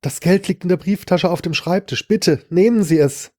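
A man's voice: high voice, expressive, unhurried, dark tone, pitched above the performer's own voice. A man voicing a frightened heavyset man who begs for his life in a trembling, pleading voice in a read-aloud crime story. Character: terrified heavyset man begging in a bathtub.

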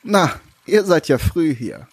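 A woman's voice: low-pitched, very animated, slow, background noise, heavily acted. A woman voicing a brusque, dismissive male head chef in an audiobook.

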